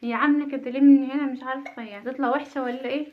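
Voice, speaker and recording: A woman's voice: high-pitched, steady tone, rapid-fire. A woman in her thirties with an Egyptian accent, a mother chatting casually in a home vlog, nervous and self-mocking. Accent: Egyptian Arabic. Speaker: vlogger, mother. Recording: dull lo-fi home recording.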